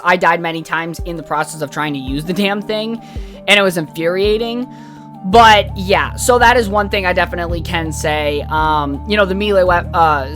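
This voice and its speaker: A woman's voice: lowish voice, fairly bright tone. A woman hosting a podcast, giving a casual, opinionated review in a rambling, candid way, with lots of fillers and some swearing. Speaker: podcast host reviewing a video game.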